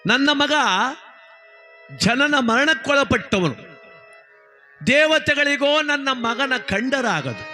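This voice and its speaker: A man voicing an anxious royal mother who fears for her son, in a slow, pleading lament. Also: extremely high pitch, sharp tone, pitched above the performer's own voice, full character voice.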